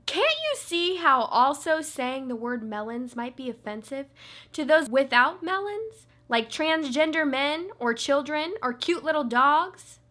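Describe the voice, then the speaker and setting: Woman playing a daytime TV judge, high voice, bright, preachy, scolding, comic radio sketch. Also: animated, measured pace, exaggerated voice. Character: self-righteous woman daytime TV judge, easily offended.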